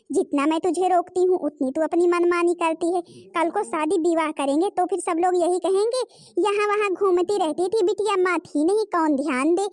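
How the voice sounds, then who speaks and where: A woman voicing a cruel, bossy stepmother in an animated cartoon, scolding and threatening. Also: extremely high pitch, no echo, studio quality.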